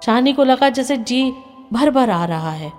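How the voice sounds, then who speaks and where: Woman storyteller, unhurried, expressive pauses, somewhat high voice. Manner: measured, expressive, dramatic pauses. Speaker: narrator. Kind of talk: storytelling, reading a short story aloud. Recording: reverberant with soft background music.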